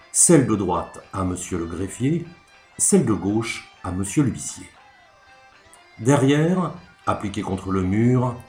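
A man reads a classic tale aloud, measured and expressive, his pitch rising and falling freely. The voice sits in an echoey room, with faint instrumental music beneath it. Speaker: narrator. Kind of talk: literary reading.

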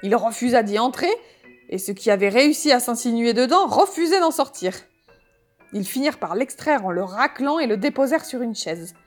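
Woman reading a story with a wry, higher voice. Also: expressive, fairly quick, soft background music. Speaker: audiobook reader. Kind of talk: scripted narration.

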